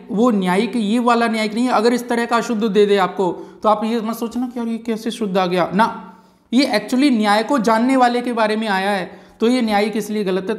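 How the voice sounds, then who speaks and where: This is a man's high-sitting voice as he teaches grammar for an exam. He goes over key words slowly and regularly asks "है ना" and "ठीक है जी" to check in.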